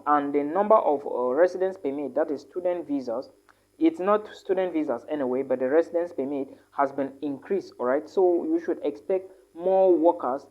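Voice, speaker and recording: A woman's voice: low voice, lo-fi sound. A woman giving casual advice on studying abroad, often checking in with "all right?" and correcting herself as she goes. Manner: tag questions like "all right?", many fillers and self-corrections. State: tired, yawning a lot. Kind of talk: casual advice talk to camera.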